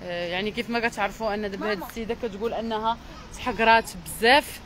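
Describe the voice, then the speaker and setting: A woman with a Moroccan accent reporting live from the street and pressing her interviewee with brisk, insistent questions. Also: mid-range voice, fairly even intonation, fairly bright tone. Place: outdoors on a city street. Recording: street noise.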